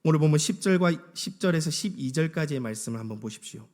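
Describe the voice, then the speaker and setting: Male pastor, slightly high voice, dramatic preaching from loud to hushed, acts out quotes in a church. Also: animated, fast. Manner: dramatic, swings from loud urging to near whispers. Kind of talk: sermon. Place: church sanctuary.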